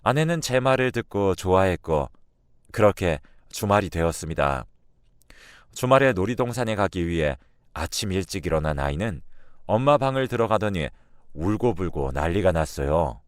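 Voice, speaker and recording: A man's voice: low-pitched, big pitch swings, moderate pace, clean tone, dry recording, clean studio sound. A man narrating a first-person radio drama story in a scripted storytelling style.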